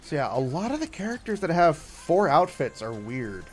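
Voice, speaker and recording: A man's voice: fairly high pitch, big pitch swings, normal speed, faint music behind. A man casually chatting on a gaming stream, rambling and trailing off, sleepy and yawning. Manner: rambling, laid-back, trailing off.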